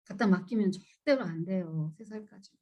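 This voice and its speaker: A woman's voice: normal speed, muffled recording. A middle-aged woman giving a church seminar lecture, emphatic and asking the audience questions. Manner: acts out children and parents in high voices.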